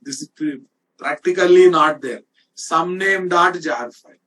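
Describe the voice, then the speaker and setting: A man's voice: a little high, unhurried, a bit bright. A man with an Indian accent teaching programming in an informal, emphatic, repetitive way, often checking with students. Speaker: programming instructor. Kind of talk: informal screen-shared software lecture. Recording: distant-sounding microphone.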